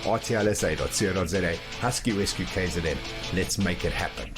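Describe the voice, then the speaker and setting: A man with a fairly low voice hosts a radio show. He speaks directly to the audience in a presenter's style, with clear music behind him. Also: quick pace.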